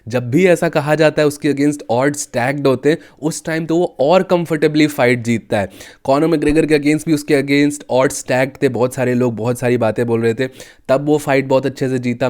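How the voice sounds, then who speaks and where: A man's voice: on the high side, a little mellow. A young man giving casual combat sports commentary, chatting with viewers and often addressing them as brothers.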